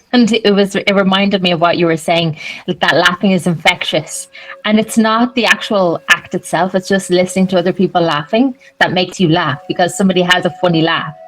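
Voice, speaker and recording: A woman from Ireland co-hosting a casual spiritual podcast chat, a calm listener who often murmurs agreement. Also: fairly low pitch, fairly quick, low-quality recording. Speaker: podcast co-host.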